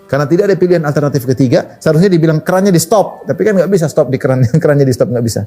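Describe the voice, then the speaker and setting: A man preaching a sermon, telling stories in an animated, conversational way with wide swings in pitch. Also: racing, faint music behind. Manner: casual conversational phrasing. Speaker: Islamic preacher.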